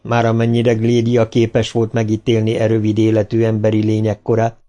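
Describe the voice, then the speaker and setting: A man narrating a novel for an audiobook in an even, measured way. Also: fairly low pitch. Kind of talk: scripted narration.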